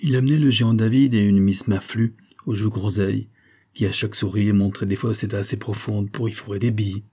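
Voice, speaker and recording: Low, husky male audiobook narrator. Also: steady tone, dark tone. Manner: measured, literary reading. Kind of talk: scripted narration.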